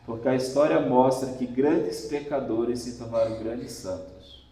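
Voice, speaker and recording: Brazilian priest preaching in echoey church. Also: male voice, mid-range voice, measured pace, warm tone, distant mic, slight background noise. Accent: Brazilian Portuguese. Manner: emphatic, repetitive exhortation addressing listeners directly. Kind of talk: Sunday homily.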